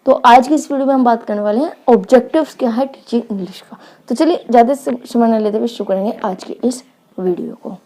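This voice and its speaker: Mellow-voiced woman teaching a lecture. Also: fairly high pitch. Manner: explanatory, reads English phrases slowly then explains. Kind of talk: online lecture.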